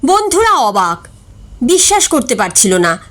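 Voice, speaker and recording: A woman tells a comic short story in a measured, expressive narration. Her voice is high and her reading unhurried.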